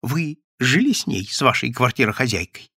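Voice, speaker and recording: A man's voice: medium pitch, expressive, moderate pace, gravelly, pushed and bright, husky, no room sound, studio quality, exaggerated voice. A man voicing an anxious middle-aged clerk who pleads and urges in an agitated way.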